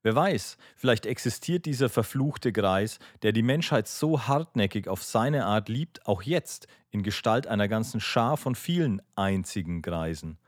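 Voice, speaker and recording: A brooding young intellectual with a low voice and an ironic, musing manner, read by a man. He sounds wry and detached rather than heated. The sound is dry and close-miked. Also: animated, unhurried, few pauses, no room sound.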